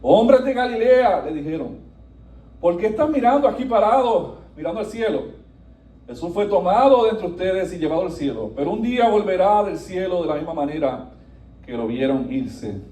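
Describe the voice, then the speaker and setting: A male pastor preaching a sermon with animated delivery, swinging between soft passages and emphatic, rising lines. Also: sits high, moderate pace. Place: church sanctuary. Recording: echoey room, voice from a distance.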